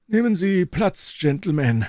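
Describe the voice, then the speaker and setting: A man doing a shrill, hostile old professor. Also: sing-song, unhurried, dry recording, clean studio sound. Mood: suspicious. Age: older. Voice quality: high screeching voice. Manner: sharp, agitated, menacing.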